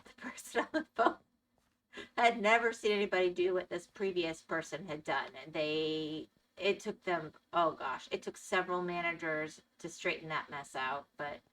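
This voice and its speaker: A woman with a fairly low pitch and fairly bright tone streams a game, chatting casually with viewers as her voice gives out. She's chatty, reading and replying to the chat, on a low-quality recording.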